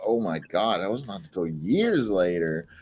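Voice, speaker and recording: A young man from Costa Rica speaks in a fairly low voice. He rambles in an easygoing way, doubling back on his words and laughing now and then while he explains his craft in a casual interview. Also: moderate pace, husky. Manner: relaxed, rambling with restarts and laughs. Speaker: guest, flow artist and saber maker.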